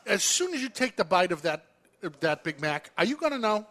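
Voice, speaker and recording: High-voiced emphatic male radio host. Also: very animated, a little fast, pushed and bright. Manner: emphatic, teasing, argumentative. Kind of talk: casual radio chat.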